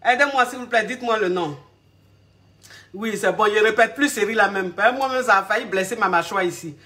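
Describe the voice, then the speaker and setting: Bright-voiced woman coaching, rambling and chatty. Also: mid-range voice. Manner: rambling, halting, searching aloud for words; addresses the audience directly and familiarly. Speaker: relationship coach. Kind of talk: casual live coaching talk to viewers.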